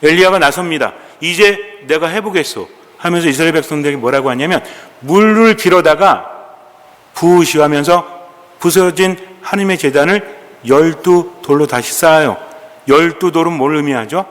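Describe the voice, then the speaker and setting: Fairly high-voiced priest in an echoing church. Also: male voice, moderate pace. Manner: storytelling, asking the congregation questions and answering them; colloquial and animated, acting out quoted dialogue. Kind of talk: sermon. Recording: long echoing church reverb.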